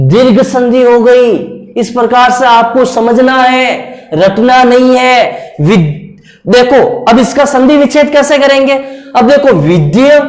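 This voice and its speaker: A male teacher giving a classroom lecture, coaxing and repetitive, often checking in with his students. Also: very high voice. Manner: repetitive, coaxing, keeps saying "ok friends". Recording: echoey room.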